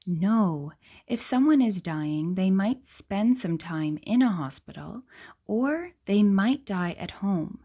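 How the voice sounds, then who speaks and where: Here a woman with a mid-range voice reads a children's picture book slowly but with animation. She keeps it gentle and explanatory, asking the young listeners questions and offering asides along the way.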